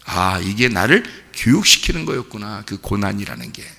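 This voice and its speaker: A man's voice: fairly low pitch, very animated, moderate pace, vocal fry, pushed and bright, breathy edge, long reverb tail. A man preaching a sermon as pastor, earnestly and conversationally, asking the congregation questions. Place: church sanctuary.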